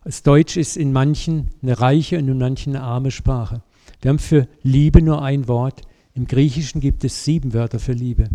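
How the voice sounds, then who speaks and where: A man preaching a sermon, telling a story with lively, vivid asides and speaking directly to his congregation. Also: mid-range voice, normal speed.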